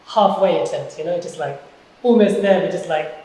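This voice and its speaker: A young man talks in a wry, animated way. His voice sits a bit high. A heavy echo surrounds him. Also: normal speed, a little hiss or hum. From London. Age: young adult. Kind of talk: interview answer. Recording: very echoey room.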